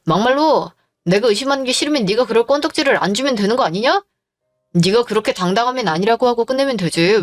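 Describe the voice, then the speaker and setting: A woman's voice: a little high, lightly acted. A woman voicing a crude, jealous husband who accuses his wife and bullies her, in a dramatized story.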